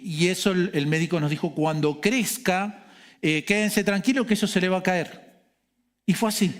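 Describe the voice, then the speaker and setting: A male pastor with an Argentine accent preaching a sermon in a conversational way, asking rhetorical questions and adding joking asides. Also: on the high side. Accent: Argentine Spanish.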